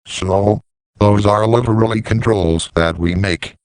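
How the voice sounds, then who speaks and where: A man voicing scripted dialogue for an animated story about talking machines. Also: on the low side, a little slow, smooth, no echo. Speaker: voice of talking siren characters.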